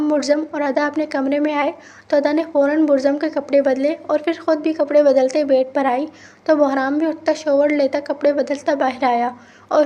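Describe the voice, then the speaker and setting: High, level-voiced woman reading a novel. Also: mellow, muffled recording. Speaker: novel reader. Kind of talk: storybook narration of a romance novel.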